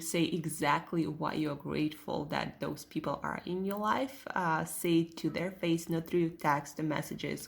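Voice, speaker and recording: Russian accent woman coaching viewers, low gravelly voice, halting casual pep talk. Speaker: host, self-help coach.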